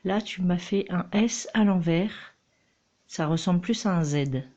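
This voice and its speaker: A woman's voice: on the low side, a little slow, warm tone. A woman teaching her child to read at home, patient and coaxing, recorded on a dull, lo-fi mic. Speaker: homeschooling mother. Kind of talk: reading lesson with a child.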